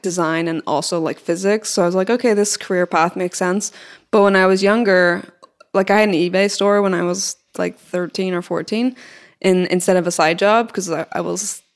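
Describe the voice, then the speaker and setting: A woman in her thirties with a Northern Irish accent, a podcast guest telling her story in a chatty way. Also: lowish voice. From Northern Ireland. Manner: chatty storytelling, laughs easily. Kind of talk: casual podcast interview.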